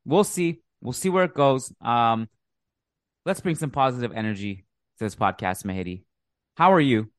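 A man's voice: medium pitch, animated, moderate pace, no room sound, clean studio sound. A man hosting a podcast in casual chat, wry and rambling. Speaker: podcast host.

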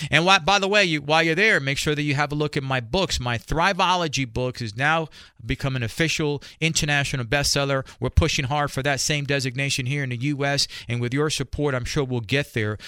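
A male talk show host with a bright, forceful voice pitched a little high. He sounds enthusiastic and motivational as he addresses his listeners, in a dry, close recording. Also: clean tone, no room sound. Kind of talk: upbeat talk show hosting.

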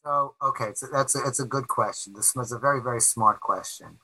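A middle-aged rabbi and author answering interview questions in an earnest, emphatic way, often repeating words and restarting sentences. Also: male voice, medium pitch, a little fast, bright, forceful tone, no room sound, rough recording.

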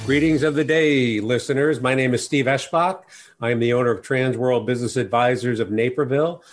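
A man from New York hosting a business interview podcast, asking his guest questions in a formal, measured way. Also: medium pitch. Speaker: podcast host.

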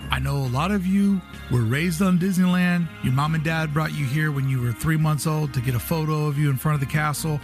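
A man's voice: on the high side, brisk, few pauses, faint music behind. A man hosting with casual, opinionated commentary in an emphatic, wry, jokey way. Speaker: host.

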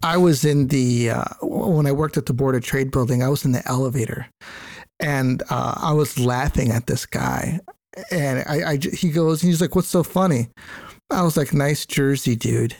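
A man co-hosting a casual sports podcast who talks in a quick, loose way and drops swear words. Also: medium pitch, darkish tone, no room sound. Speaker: podcast co-host.

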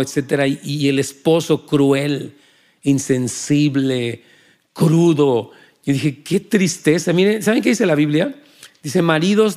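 A man preaching a sermon to his church, swelling into emphatic peaks and then dropping to quiet asides. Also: on the high side. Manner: preaching with rising bursts and soft trailing asides. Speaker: pastor.

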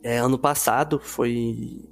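A man's voice: medium pitch, steady tone, takes it slowly, vocal fry. A man in his twenties, a podcast guest, telling a personal story in a casual, loose way with many fillers.

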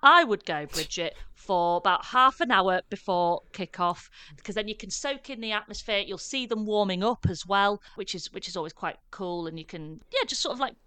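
Brief: woman, podcast co-host, chatty and animated, smooth and crisp voice, dry close sound. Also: mid-range voice, normal speed, hardly any pauses, dry recording. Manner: chatty, animated, laughing asides. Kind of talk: casual chat.

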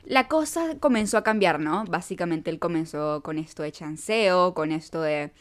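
A young woman telling a storytime to camera in an animated, self-mocking way. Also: lowish voice, normal speed. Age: young adult. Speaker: vlogger.

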